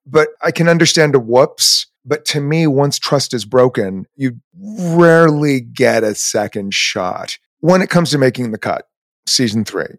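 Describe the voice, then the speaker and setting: A man hosting an interview in an animated, gushing way that is full of laughter. His voice is mid-pitched, recorded close and dry with no room sound. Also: unhurried, no echo. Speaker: interview host. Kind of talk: chatty interview.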